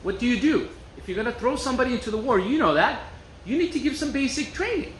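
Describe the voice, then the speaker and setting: A man's voice: extremely high pitch, lively intonation, fast talker, a bit bright. Man from Turkey preaching in an echoey room. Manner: conversational, storytelling with rhetorical questions. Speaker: pastor. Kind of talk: sermon. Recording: echoey room with faint noise.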